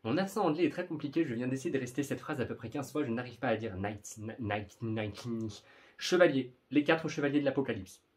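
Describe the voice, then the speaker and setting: A man's voice: medium pitch, lively intonation, quick pace, hardly any pauses. A young man chatting casually in a vlog about upcoming manga, rambling and often stumbling over his words. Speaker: manga YouTuber.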